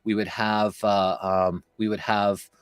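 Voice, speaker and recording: A man's voice: fairly low pitch, level tone, takes it slowly, clear, resonant tone, dry recording. A man telling a long story as an interview guest, casual and rambling, with many fillers and restarts.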